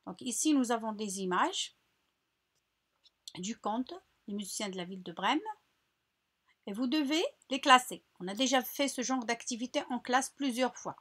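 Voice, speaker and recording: A woman teacher slowly guiding children through a French workbook lesson, repeating words and spelling out syllables patiently. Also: fairly high pitch, a bit bright. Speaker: primary school teacher. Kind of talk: recorded lesson walkthrough.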